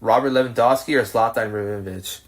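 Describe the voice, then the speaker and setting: A man hosting a podcast, firing off quick this-or-that questions with brief, low-key acknowledgements. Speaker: podcast host. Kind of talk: casual rapid-fire this-or-that interview.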